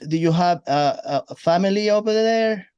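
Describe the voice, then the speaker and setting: A man with a fairly high voice hosts a casual interview. His questions wander and restart, padded with "uh" and "you know". His sound is close and dry, with no room echo. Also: normal speed, a little mellow, smooth, lo-fi sound. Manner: rambling, meandering questions with fillers. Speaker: interview host.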